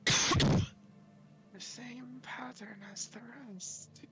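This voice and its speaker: Cold vampire interrogator, a woman doing it, whispered role-play, very slow, bright edge, faint music behind. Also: a little high, steady tone, full character voice. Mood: menacing. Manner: slow, probing questions.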